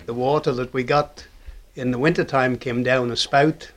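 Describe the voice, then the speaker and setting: A man's voice: mid-range voice, fairly even intonation, normal speed. An older man from the Isle of Man with a Manx accent, telling anecdotes as an interviewee. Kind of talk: anecdotal storytelling.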